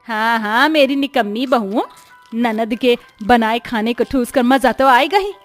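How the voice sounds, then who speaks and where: A woman doing a sharp-tongued scolding mother-in-law. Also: fairly high pitch, measured pace, faint music behind, close to an everyday voice. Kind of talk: cartoon story voice acting.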